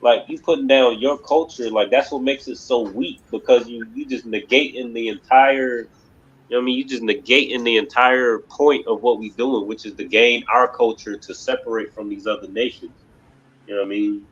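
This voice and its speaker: A man teaches a religious class at normal speed, his medium-pitched voice steady and a bit bright, though the highs are cut off. He's emphatic and rambling, with a constant stream of fillers like "you know what I mean."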